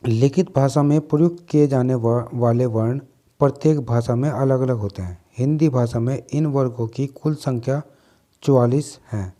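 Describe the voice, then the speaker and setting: A man gives a grammar lesson in a warm, mellow voice at a middling pitch. He reads his notes at an even, steady rate and names the letters one by one. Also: moderate pace. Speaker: teacher.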